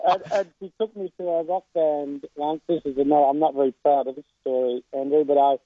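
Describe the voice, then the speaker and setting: A man who trains racehorses, speaking over a phone line in a radio phone interview, halting and full of filler sounds. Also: fairly high pitch, steady tone, no room sound. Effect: heard over a phone line.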